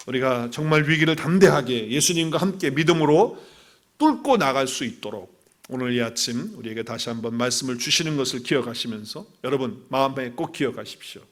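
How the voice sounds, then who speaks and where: A male pastor giving a sermon at a livestreamed church service. He preaches with animated swings from loud exclamations to quiet asides, asks the congregation questions and acts out quotes. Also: medium pitch.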